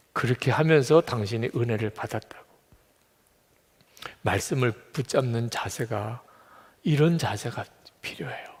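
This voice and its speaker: A male pastor preaching a sermon, telling stories with animated swings between loud emphasis and hushed asides. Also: mid-range voice. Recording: long reverb of a large hall.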